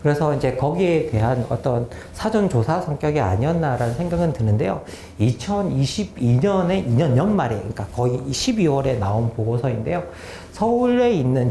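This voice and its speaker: A political philosopher in his fifties gives a public lecture in a lecture room, explaining research findings and posing questions to the audience. His voice is a little high, gravelly and mellow. The sound is reverberant with a little hiss or hum.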